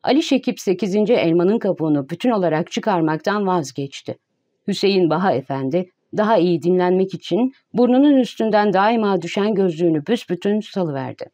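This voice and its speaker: A woman reading a classic novel aloud as an audiobook narrator, in a measured, even manner. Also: fairly low pitch. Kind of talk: scripted narration.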